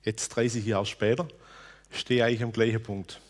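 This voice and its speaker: Preacher, male, slightly raspy voice, earnest and personal delivery. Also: on the low side, little pitch movement, moderate pace. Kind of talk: sermon.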